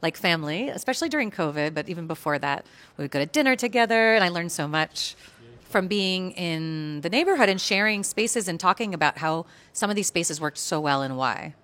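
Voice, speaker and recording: Chatty American woman, bright tone. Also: lowish voice, animated, fairly quick. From United States. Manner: chatty, many fillers and restarts. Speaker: guest speaker at an urban planning event. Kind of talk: conversational panel talk.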